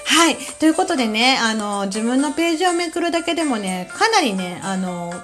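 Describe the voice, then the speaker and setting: A woman from Kansai with a Kansai accent, hosting a relaxed solo talk show with a calm manner and many soft fillers. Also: high voice, fairly quick, faint music behind. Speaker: podcast host.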